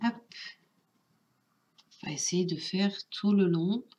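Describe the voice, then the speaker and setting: A woman with a French accent hosting a craft tutorial, calmly narrating each step, her voice nasal from a cold. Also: lowish voice. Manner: slow, calm, narrates each step with little sound words. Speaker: craft channel host.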